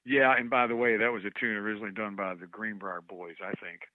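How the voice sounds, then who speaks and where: A man on a phone call, telling rambling, animated stories and losing track of names along the way. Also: lowish voice, fast talker, no room sound. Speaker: guest musician on a call. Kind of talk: casual phone chat. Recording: tinny dry phone line.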